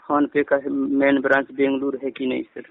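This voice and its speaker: Heard on a recorded phone call, a man with a gravelly mid-range voice speaks at moderate pace in a completely flat way. As a customer care agent, he's insistent and persuasive, repeating himself and politely calling the listener sir.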